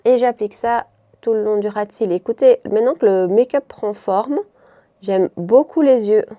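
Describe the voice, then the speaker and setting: A woman's voice: medium pitch, moderate pace, dark tone, no room sound, clean studio sound. A woman from Belgium with a mild Brussels accent, chatting through a makeup tutorial in a rambling way, often stopping herself and laughing. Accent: Belgian French, mild Brussels. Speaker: beauty vlogger.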